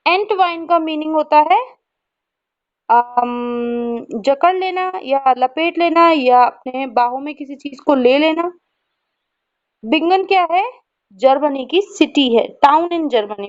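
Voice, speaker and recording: A young female teacher talks students through a poem in a high voice, pausing often to ask whether they follow. She reads the verse slowly and deliberately. The recording sounds dull and lo-fi. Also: expressive. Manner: patient, checks understanding with frequent "ठीक है?". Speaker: school English teacher. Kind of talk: explaining a poem to students in Hindi.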